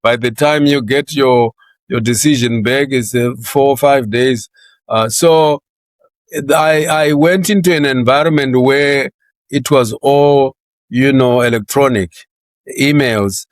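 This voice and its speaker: A man's voice: mid-range voice, measured pace. A man in his sixties from Zimbabwe, a guest in a career interview, with a mid-range voice that sits right in the middle for a man. He talks in a loose, chatty way, often laughing and stumbling over repeated words at the start of his thoughts. The sound is close and dry, with no room echo.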